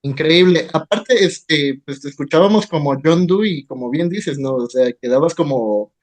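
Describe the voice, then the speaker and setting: A man hosts a casual talk show interview. He asks loose, conversational questions and chimes in with short agreements. His voice is a bit higher than most men's. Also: normal speed. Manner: brief affirmations and chatty questions.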